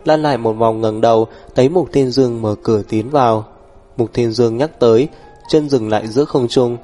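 A man's voice: medium pitch, mellow. Man reading a novel aloud, music under. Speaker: narrator.

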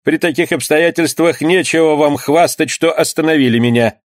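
A man's voice: a little high, normal speed, no room sound, clean studio sound, pitched above the performer's own voice, natural voice. A man playing an indignant old sea skipper. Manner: indignant, impatient. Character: stubborn old male ship's skipper.

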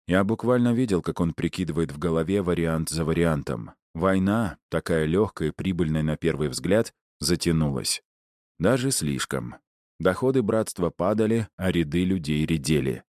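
A man's voice: low-pitched, animated, moderate pace, a little mellow, no echo, clean studio sound. A man narrating a first-person audiobook in a wry, conversational way.

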